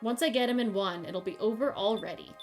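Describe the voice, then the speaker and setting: A woman reading aloud the lines of a smug, cruel young woman in a game, in a calm, taunting way. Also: mid-range voice, brisk, faint music behind, close to an everyday voice.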